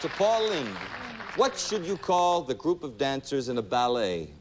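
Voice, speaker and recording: A man hosting a television quiz show, brisk and genial, quick with jokes. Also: mid-range voice, sing-song, some chatter behind, a little hiss or hum. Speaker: game show host. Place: television studio with audience.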